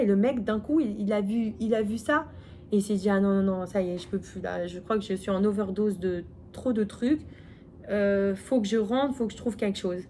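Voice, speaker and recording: A woman's voice: on the high side, a little hiss or hum. A woman telling a story in a casual teaching talk, chatty, full of fillers and restarts, acting out the quotes.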